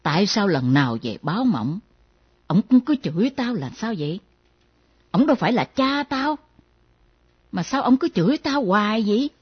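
Lady doing a low grumbly old mom, mumbly and slow, kinda muffled recording. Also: big pitch swings, slightly rough. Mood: aggrieved. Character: aging widowed mother, grumbling, haunted by dreams. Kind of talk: radio drama acting. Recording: dull lo-fi recording.

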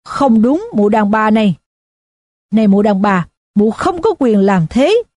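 A woman voicing a drunken man in a mob who keeps shouting for blood in a shrill, frenzied voice. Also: big pitch swings, unhurried, dry recording, clean studio sound. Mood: aggrieved.

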